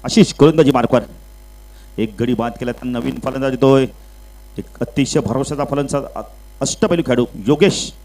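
A man giving live play-by-play commentary at an outdoor local cricket match over a public address microphone, getting louder and higher on runs and wickets and calmer between balls, with English cricket terms mixed in. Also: normal speed, low-quality recording. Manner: mixes English cricket terms into his talk.

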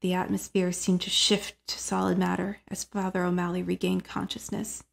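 A woman narrating a dramatic horror story from a script, often dropping into hushed whispers. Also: fairly low pitch, completely flat delivery, normal speed, gravelly.

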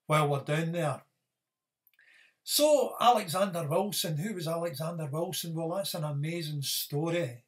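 An older man with a Scottish accent, a poet and author talking to camera from a room at home about his book, in a conversational way with small restarts. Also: a little high. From Scotland. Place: home room lined with bookshelves.

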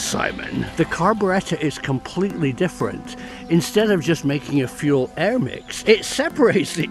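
Older man, outdoor garden chainsaw review. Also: high-pitched. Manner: enthusiastic, breaks into short laughs mid-sentence. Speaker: science filmmaker and farmer reviewing a chainsaw. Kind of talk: casual explanatory video review. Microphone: handheld camera held close, wide-angle selfie framing.

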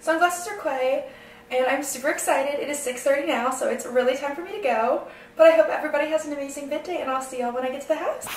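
A woman's voice: sits high, fast, recorded from a distance. A woman in her early twenties chatting casually to a vlog camera in a bubbly sorority-girl manner. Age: early 20s. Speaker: college sorority member vlogging. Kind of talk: casual get-ready-with-me vlog chat. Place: small echoey rooms in an apartment and house. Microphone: handheld or propped vlog camera. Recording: roomy echo, faint background noise.

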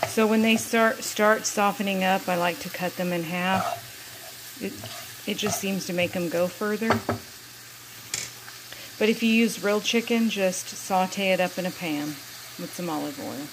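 A woman talks through her cooking in a friendly, explanatory way from her home kitchen. Her voice sits at a middling pitch, with faint frying sizzle behind it. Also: unhurried, long pauses, background noise. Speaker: cooking vlogger. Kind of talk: casual cooking vlog narration.

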